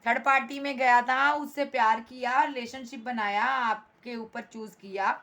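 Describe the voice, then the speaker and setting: A woman's voice: a little high, steady tone, moderate pace, pushed and bright. A woman giving a tarot reading to her viewers, blunt and emphatic, scolding the absent partner and calling the listener "bhai" and "darling". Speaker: tarot reader.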